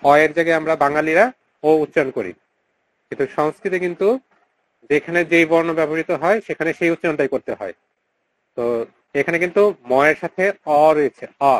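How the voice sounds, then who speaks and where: Guy teaching a chant over a video call, kinda high voice, says each syllable again and again, slow and careful. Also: dry recording, poor audio. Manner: slow, repeats syllables to model pronunciation; chants mantra lines in a drawn-out tone. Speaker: teacher of mantra recitation. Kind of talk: online class instruction.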